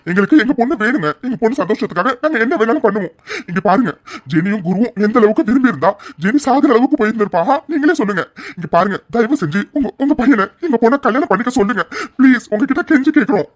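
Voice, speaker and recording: A woman's voice: fairly high pitch, animated, rapid-fire, dry recording. A woman voicing an earnest mother who begs another family on her daughter's behalf. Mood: pleading. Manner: pleading, earnest. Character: pleading mother of a young woman.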